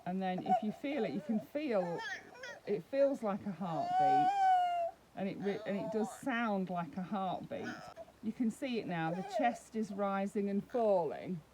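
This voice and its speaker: A woman's voice: medium pitch, sing-song, a little slow, very noisy. A woman vlogging a casual unboxing, chatting and explaining each step as she handles the doll.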